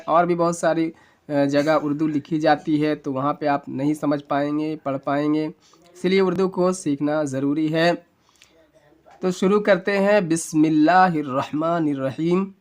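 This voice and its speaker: Fairly high-voiced man teaching letter by letter. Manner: spells words out slowly, letter by letter; patient, explanatory, asks and answers his own questions. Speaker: Urdu teacher. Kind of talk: casual video lesson.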